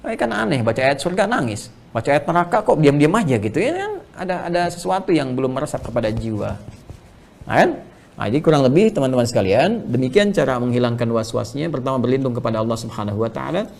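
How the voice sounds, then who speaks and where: A man's voice: medium pitch, big pitch swings, quick pace, creaky, darkish tone. A man preaching a sermon, reciting Arabic prayers and then explaining them in heartfelt paraphrase, with rhetorical questions to his listeners.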